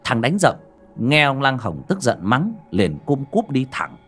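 A man's voice: medium pitch, sing-song, measured pace, fairly bright tone, breathy edge, soft background music. A man narrating an audiobook story in a dramatic manner. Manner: dramatic, varied delivery.

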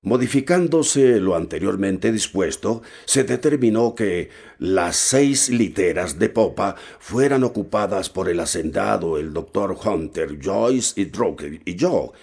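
A man reading a novel aloud as narrator, steady and measured with occasional hesitations. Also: sits low, vocal fry, slightly rough. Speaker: audiobook narrator.

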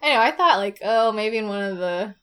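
A woman's voice: medium pitch, animated, brisk, a bit bright, clean tone. A woman co-hosting a podcast, chatty and enthusiastic, giggling often. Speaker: podcast co-host. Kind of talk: casual chat.

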